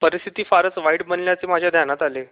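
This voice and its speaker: A man reading a children's story aloud in lively first-person narration. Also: sits high, quick pace. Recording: dull lo-fi recording.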